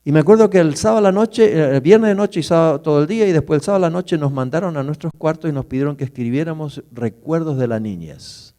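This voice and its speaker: A middle-aged man preaches in a warm, mellow voice. He tells his story vividly, rising loud and dropping to a hush. The recording carries the long reverb of a church hall. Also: fairly high pitch, fast talker, hardly any pauses. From Argentina. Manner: vivid personal storytelling, swings from loud to hushed. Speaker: pastor. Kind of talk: sermon storytelling.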